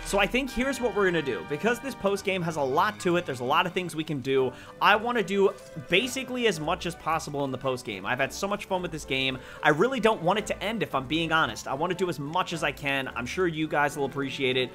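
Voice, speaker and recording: Man, gameplay commentator, upbeat and chatty, fairly high bright voice. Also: fast talker, soft background music. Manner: excitable, gushing, chatty. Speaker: let's play host.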